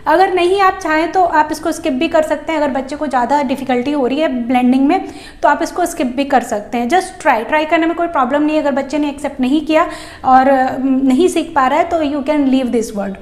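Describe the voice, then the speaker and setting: A woman with a high voice gives a phonics lesson for parents. She explains in Hindi peppered with English and stretches out each sound as she blends letters into words. The room has a noticeable echo. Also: a little fast, a little mellow. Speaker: English teacher.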